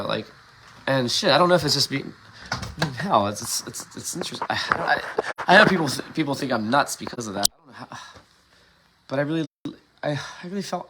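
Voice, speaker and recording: A man's voice: medium pitch, noisy background. A man hosting a livestream from his yard before dawn, rambling candidly with frequent swearing and restarts, recorded on a phone. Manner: candid, profane, meandering with many restarts. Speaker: livestream host. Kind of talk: casual rambling monologue.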